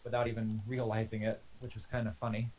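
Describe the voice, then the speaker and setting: Low-key man in casual chat. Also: little pitch movement, quick pace, a little mellow, low-quality recording. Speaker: commentary guest.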